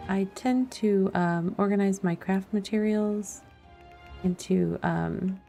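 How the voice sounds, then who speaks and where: With faint, soft music underneath, a woman streams a game and casually thinks aloud through her let's-play commentary. Her voice is medium-pitched, slow, and gravelly.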